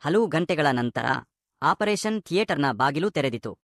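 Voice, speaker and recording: A man narrating a scripted moral story in a lively, expressive reading. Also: fairly high pitch, moderate pace, dry recording, clean studio sound.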